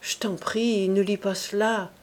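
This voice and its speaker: A woman reading the part of an uneasy young man in an audiobook, in a hushed, halting voice. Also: medium pitch, fairly even intonation, natural voice. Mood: pleading.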